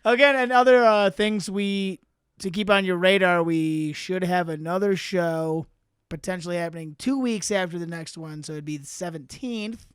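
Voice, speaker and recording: A man with a high, smooth voice co-hosts a comedy podcast, swearing and joking in loose banter. He laughs a lot between his lines. The room is dry and close. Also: moderate pace, no echo. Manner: laughs often, profane and jokey. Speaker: podcast co-host.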